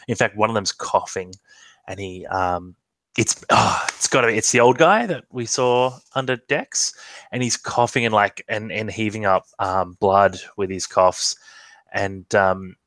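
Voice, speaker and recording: A man's voice: on the low side, fairly bright tone, no room sound, low-quality recording. A man narrating his character in a tabletop storytelling game, hesitant with many ums and restarts.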